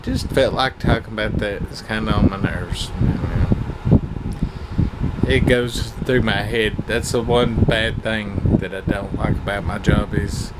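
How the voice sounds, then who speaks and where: Slow-talking man over loud fan noise. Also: on the low side, fairly even intonation. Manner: hesitant, meandering, frank and coarse. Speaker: vlogger. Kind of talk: rambling casual vlog chat. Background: whirring fan.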